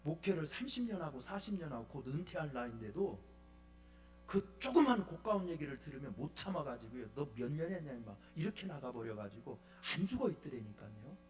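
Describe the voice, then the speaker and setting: A man's voice: on the high side, big pitch swings, a little fast, faint music behind. A middle-aged man preaching a revival sermon in a church, telling a story in a colloquial, joking way and quizzing the congregation with questions. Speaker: guest preacher, bishop. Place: church sanctuary.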